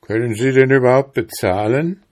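A man voicing a grumpy, quick-tempered male bear father in a storybook reading, shouting and indignant. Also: medium pitch, voice pushed up, lightly acted. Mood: angry shouting.

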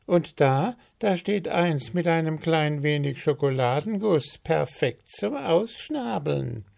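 A man's voice: a little high, slow pace, gravelly, darkish tone, pitched above the performer's own voice, full character voice. A man voicing a wry, amused little male bird in a storybook reading.

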